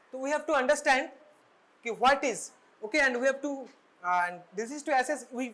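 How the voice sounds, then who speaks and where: A young woman with a Bengali accent lecturing medical students in class. She moves between English and Bengali and keeps checking in with quick tag questions. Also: a little high, fairly bright tone.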